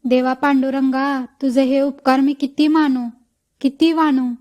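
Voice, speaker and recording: A woman's voice: sits high, flat delivery, measured pace, a little mellow. A woman voicing an overjoyed village man who exclaims a thankful prayer. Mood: joyful prayer. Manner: exclaiming with joy. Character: joyful village father, man, praying aloud.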